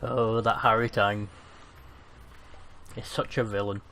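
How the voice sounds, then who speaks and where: A man's voice: lowish voice, little pitch movement, takes it slowly, sharp tone, slight background noise. A man co-hosting a casual watch-along commentary, joking, laughing often and swearing freely. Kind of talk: casual chat.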